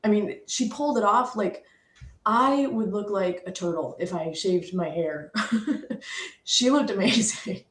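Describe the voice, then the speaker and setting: Woman, middle-aged, mid-pitched, emotional personal storytelling, echoey room. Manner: emotional, heartfelt, pausing, fighting back tears. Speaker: speaker sharing a personal story.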